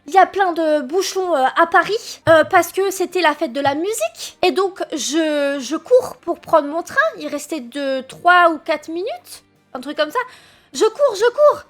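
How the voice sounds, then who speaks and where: A young woman streamer telling a long mishap story to her chat, excitable, swearing and laughing as she goes. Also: very high-pitched, unhurried, faint music behind.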